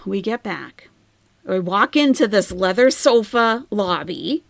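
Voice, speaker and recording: A woman hosting a casual livestream and telling a story, animated, laughing often and acting out the people she quotes. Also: medium pitch, slow pace, gravelly, no echo. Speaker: channel host telling a story.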